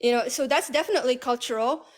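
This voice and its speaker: A woman's voice: high-pitched, fast. A woman from Morocco, a guest on a live video stream, explaining patiently with many fillers over a video call. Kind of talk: casual live-stream conversation.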